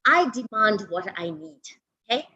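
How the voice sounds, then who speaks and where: A woman with a South African accent giving a webinar lecture over a video call. She talks fast, restarts and repeats words, and often checks in with "okay?". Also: on the high side, expressive, pushed and bright, highs cut off. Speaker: webinar speaker.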